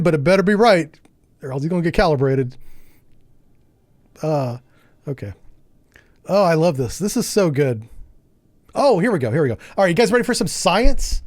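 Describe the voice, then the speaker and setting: A man streaming a game, chatting casually with his viewers, joking, laughing often and thinking out loud. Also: sits high, no echo. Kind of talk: casual live gameplay commentary.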